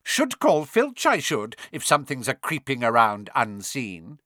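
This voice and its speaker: A man's voice: medium pitch, huge pitch swings, unhurried, pushed and bright, no room sound, studio quality, exaggerated voice. A man voicing a mischievous male poltergeist who fawns greasily and cackles. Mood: taunting. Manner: wheedling, cackling, sing-song.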